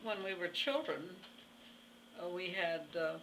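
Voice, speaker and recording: A woman over a hundred with a very old voice, answering an interviewer in a halting, plainspoken way with pauses mid-phrase. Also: on the low side, animated, a bit bright, slight background noise, rough recording. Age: over 100. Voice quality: very old, aged voice. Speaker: interview guest. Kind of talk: reminiscing in conversation.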